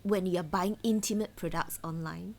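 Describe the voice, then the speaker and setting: A woman's voice: fairly low pitch, fairly even intonation, normal speed, gravelly. A woman with a Singaporean accent who co-hosts a show, chatting casually in colloquial Singlish. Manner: colloquial Singlish with sentence particles. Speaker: radio and podcast co-host. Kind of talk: casual chat.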